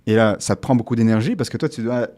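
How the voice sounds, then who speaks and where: A Canadian man whose first language is English, speaking as a language-coach guest in a podcast interview and explaining things deliberately. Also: mid-range voice, mellow.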